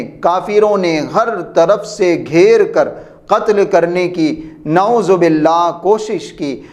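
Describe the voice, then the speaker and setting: A man with a high voice tells a devotional history lesson. His delivery is reverent and steady, and he adds honorifics after every holy name. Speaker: religious history narrator.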